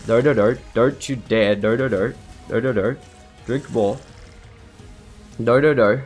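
A man's voice: mid-range voice, a little slow, a little mellow, slightly rough, soft background music. A man giving live commentary over his gameplay, frantic and anxious, repeating himself over and over as he talks. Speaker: gaming video creator.

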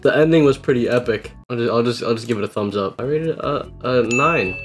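A man's voice: medium pitch, brisk, music in the background. A young man with a slangy frat-bro way of talking, giving casual reaction commentary as a host. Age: young adult. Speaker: host, content creator reacting to fan videos.

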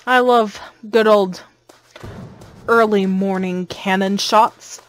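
Slow-talking playful young woman gamer. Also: mid-range voice, steady tone. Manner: playful, chatty, easily startled. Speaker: gaming channel host. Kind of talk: let's-play commentary.

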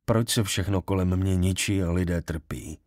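A man's voice: deep voice, a little mellow, no echo, studio quality, lightly acted. A man voicing a troubled young man in an audiobook, speaking in a pleading, shaken way. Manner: pleading, with flashes of anger.

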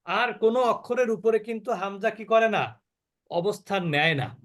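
A man's voice: high-pitched, fairly bright tone. A man teaching a recitation class, asking his students questions and answering them himself, sometimes drawing out words as examples. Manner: drawn-out sung examples. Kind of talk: interactive class lecture with call-and-response questions.

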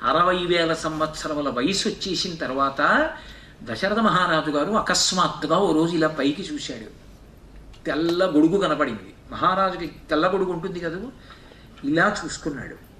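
A middle-aged man giving a devotional discourse, firing rhetorical questions and chanting verses in a slow sing-song. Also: on the high side, pushed and bright, slight background noise. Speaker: spiritual discourse speaker. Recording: echoey hall, voice from far off.

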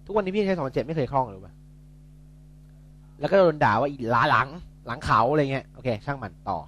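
A man's voice: medium pitch, big pitch swings, fast. A young man tutoring physics in a casual, chatty way, joking and correcting himself as he works through problems.

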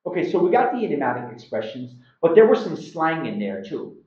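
An Iranian video host in middle age runs a casual English slang lesson to camera, speaking fairly quickly in a voice on the high side. Animated and emphatic, he acts out his examples; the small home room gives a roomy, slightly dull sound.

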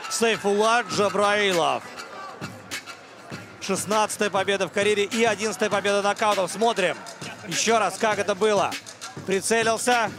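A man with a high-sitting voice delivers live play-by-play commentary on a fight at normal speed. Arena music and crowd noise sound behind his commentary.

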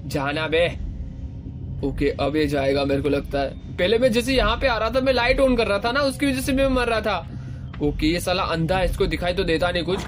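A young man giving casual, excitable commentary while playing a horror game, swearing playfully and yelping high when scared. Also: normal speed, background noise. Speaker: gaming YouTuber. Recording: game music loud behind voice. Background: horror game music.

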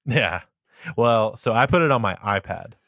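A man's voice: on the low side, lively intonation, moderate pace, fairly bright tone, no echo, clean studio sound. A young man hosting a casual podcast, chatting loosely with slang and frequent laughter. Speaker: podcast host. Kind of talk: casual podcast chat and ad read.

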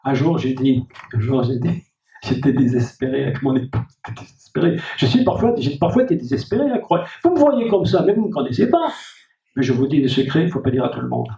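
A man's voice: mid-range voice, expressive, fast talker, creaky, warm tone. A man preaching a sermon as pastor, repeating key phrases and speaking directly to the congregation. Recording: dull, echoey hall recording from a distant mic.

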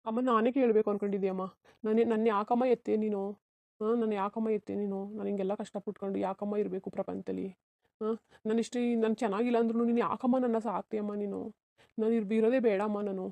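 A woman's voice: mid-range voice, fairly even intonation, a little fast, creaky, dry recording, lightly acted. Woman voicing a sorrowful, resigned young husband. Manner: soft, resigned, pleading. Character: sad, self-sacrificing young married man. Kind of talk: cartoon voice acting.

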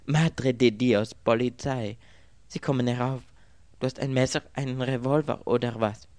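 A man voicing a frightened, passionate young foreign woman in an audiobook, raising his voice into an excited, pleading tone. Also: mid-range voice, moderate pace, dry recording, pitched above the performer's own voice, lightly acted. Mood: panicked.

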